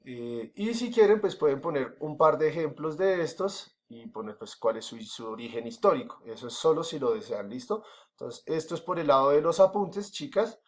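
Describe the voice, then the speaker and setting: A man's voice: fairly high pitch, big pitch swings, moderate pace. A man with a Colombian accent teaching a recorded school lesson, explaining step by step with many fillers and frequent checks that the class is following. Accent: Colombian Spanish.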